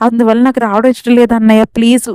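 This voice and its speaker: Woman voicing Vasundhara, gentle young heroine. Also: fairly high pitch, little pitch movement, very fast, smooth, dry recording, natural voice. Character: gentle, polite young woman staying in a hostel.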